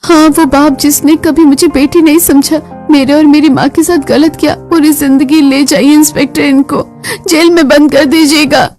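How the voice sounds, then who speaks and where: A woman's voice: high voice, steady tone, normal speed, a little mellow, faint music behind, natural voice. A woman voicing a tearful young cartoon bride. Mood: defiant. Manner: pleading, emotional. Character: young gentle mistreated daughter-in-law, tearful. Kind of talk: animated family drama.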